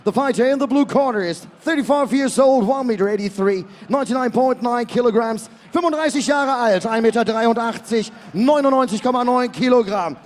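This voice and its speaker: A man working as a boxing ring announcer, calling out the fighters with booming, drawn-out announcements over the arena sound system. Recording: long arena reverb.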